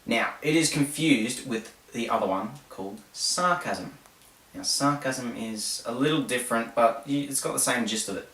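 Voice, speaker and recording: A man's voice: medium pitch, moderate pace. A man hosts a casual explainer, joking and rambling as he goes and poking fun at himself. He sits some way back from the mic in a roomy, echoing space. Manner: playful, rambling, self-mocking, animated storytelling. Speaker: host. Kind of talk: jokey explainer monologue. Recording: roomy echo, distant mic.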